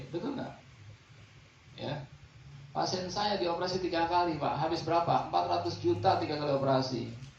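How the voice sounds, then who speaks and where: A man gives a training lecture on back massage, lively and rhetorical, often quizzing his audience. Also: high voice. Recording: echoey hall, distant mic, dull, faint noise.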